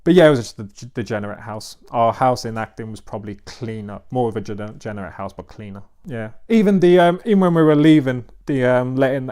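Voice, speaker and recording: A man's voice: medium pitch, animated, fast, few pauses, a little mellow. Man, rambling podcast chat, lots of fillers, swears. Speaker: podcast host. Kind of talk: casual chat.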